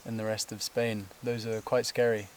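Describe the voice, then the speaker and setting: A man's voice: on the low side, little pitch movement, moderate pace, slight background noise. A man talking to the camera while climbing a steep trail outdoors, out of breath, rambling loosely with fillers and laughs. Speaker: vlogger. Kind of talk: casual talk to camera while hiking. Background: buzzing insects.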